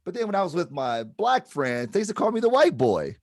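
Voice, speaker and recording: A man's voice: high voice, sing-song, brisk, no room sound, studio quality. A middle-aged man from Detroit, speaking on a panel about advertising in a reflective way and checking in with "right?". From Detroit, Michigan. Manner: reflective, explains with repeated "right?". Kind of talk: panel discussion.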